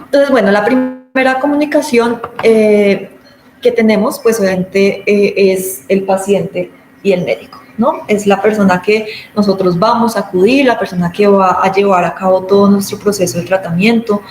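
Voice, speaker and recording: A woman lectures informally, explaining patiently and acting out little everyday scenes. Her voice sits at an ordinary middle pitch. The room gives it a noticeable echo, with a faint hum of ambience behind her. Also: moderate pace, darkish tone. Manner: explanatory, acts out everyday examples. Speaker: speaker on patient communication.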